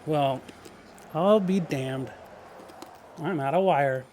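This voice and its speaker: A man with a slightly raised pitch talks through his welding work in a relaxed, folksy manner. He is in a home workshop, and a faint shop hum is audible behind him. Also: slow pace. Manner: folksy, easygoing, talks while working. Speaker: home welder and mechanic. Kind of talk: casual workshop how-to vlog.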